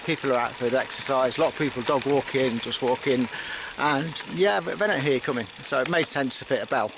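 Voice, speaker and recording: Riding a bike on an outdoor path, a British man talks casually to camera for his cycling vlog, rambling with fillers and restarts. His voice is medium-pitched and brisk, with wind and road noise around him.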